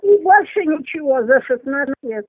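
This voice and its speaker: A foul-mouthed old granny with a high-pitched voice. The woman is irritable and combative, peppering her argument with curses. She comes through a tinny, narrow phone line, very dry. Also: animated, moderate pace, no room sound. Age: elderly. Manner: foul-mouthed, cursing freely.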